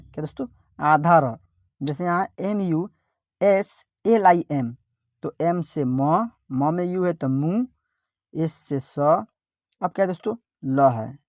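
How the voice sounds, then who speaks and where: A woman teacher, giving an online spelling lesson, sounding out letters slowly and repeating each word. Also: fairly low pitch, a little mellow, no room sound, studio quality.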